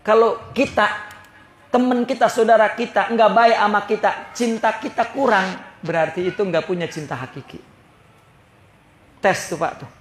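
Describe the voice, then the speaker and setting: A man teaching religion in a relaxed, conversational style and often checking that his listeners follow. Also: high voice, moderate pace, pauses often, echoey room, slight background noise. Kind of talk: kitab study lecture. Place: prayer hall.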